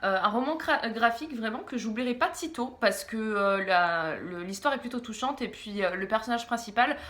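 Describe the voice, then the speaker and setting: A young woman reviewing graphic novels in a casual, halting way, giggling often and slurring a little because she is groggy from medication. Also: a little high, expressive, a bit bright. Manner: giggly, halting, stumbles over words. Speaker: book vlogger.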